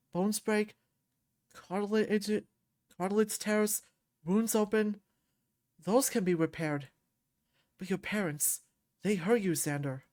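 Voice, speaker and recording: Soft-spoken male therapist, voiced by a woman, gentle, slow, soothing. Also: mid-range voice, close to an everyday voice.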